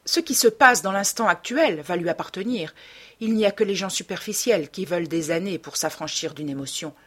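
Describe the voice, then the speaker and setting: A woman reading the part of a cynical, self-assured young man in an audiobook, in a smooth, detached way. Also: on the low side, brisk, a bit bright. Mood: curt. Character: cold, cynical young male dandy.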